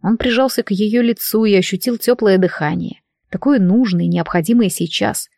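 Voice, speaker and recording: A woman reading a fantasy novel aloud in steady storytelling narration. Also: mid-range voice, brisk, vocal fry, dry recording, clean studio sound. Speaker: audiobook narrator.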